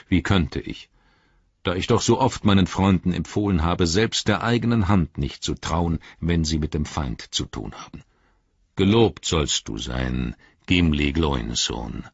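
Old wizard, male, wry and grave, low husky gravel, a male reader doing him; dull lo-fi audio. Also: no echo, exaggerated voice. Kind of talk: audiobook reading.

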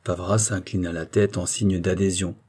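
A man narrating a classic novel in a measured, even storytelling manner. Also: low-pitched, husky. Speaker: audiobook narrator. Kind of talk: scripted literary narration.

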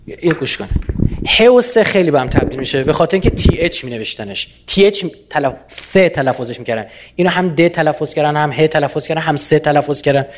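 A man from Iran giving a lively public lecture, often quizzing his audience with rhetorical questions. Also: a little high, slight background noise.

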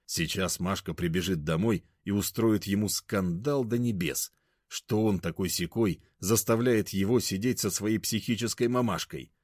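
A man narrating a first-person audiobook in a wry, expressive storytelling manner. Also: on the low side, normal speed, dry recording, clean studio sound.

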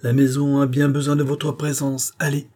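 A kindly old farm gamekeeper who talks eagerly and with emphasis, as a male storyteller puts him on. The voice sits higher and louder than the reader's own, with a dark, husky grain. It is an audiobook figure. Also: level tone, moderate pace, close to an everyday voice.

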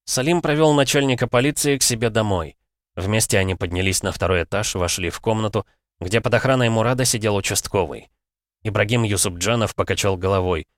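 A man narrating an audiobook in a calm, even reading. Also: lowish voice, brisk, no room sound, clean studio sound. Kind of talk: scripted narration.

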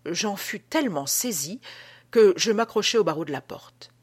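A woman reading an audiobook as an old male prison guard telling an uncanny tale, with a dramatic, hushed delivery. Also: mid-range voice, animated, normal speed, breathy edge. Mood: spooked. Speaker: audiobook reader.

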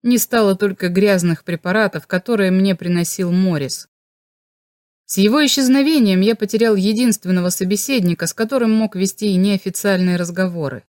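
A woman's voice: medium pitch, a little fast, a little mellow, no echo. Woman reading an audiobook, dry and close. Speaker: audiobook narrator. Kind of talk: scripted audiobook narration.

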